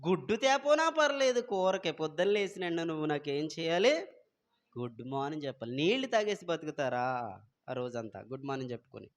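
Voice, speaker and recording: A man preaching a Sunday sermon as pastor, quizzing the congregation and swinging between loud exclamations and soft asides. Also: fairly high pitch, very animated, a little fast.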